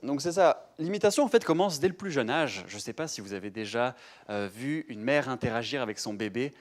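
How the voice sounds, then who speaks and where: A man's voice: mid-range voice, animated, fairly quick. A young man giving a live presentation to an audience in a lecture room, chatty, with many hesitations and restarts. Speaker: conference speaker.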